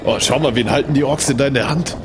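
A podcast host and game leader runs a casual, improvised audio play, speaking colloquially and with exclamations. His medium-pitched voice moves at a quick pace. Vehicle-like noise is clearly audible in the background.

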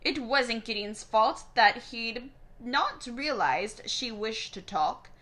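A woman reads a romance novel aloud in a bright, clear voice that moves up and down a lot. She keeps stopping to make mocking little remarks about the text. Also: fairly high pitch, expressive, takes it slowly. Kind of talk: reading a novel aloud with commentary.

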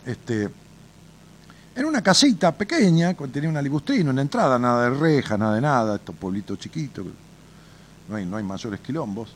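On a radio advice show, a man with an Argentine Spanish accent tells folksy stories to a caller at a slightly fast clip, his voice medium-pitched over slight background noise. He's blunt and colloquial, swears freely, and addresses the listener directly as an animated storyteller.

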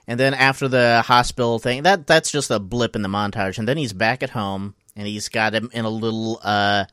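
A man co-hosting a podcast who tells the plot of an episode in lively, casual storytelling. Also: lowish voice, normal speed, clear, resonant tone, no room sound, studio quality. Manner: animated storytelling with laughs. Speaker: podcast co-host. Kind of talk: casual recap chat.

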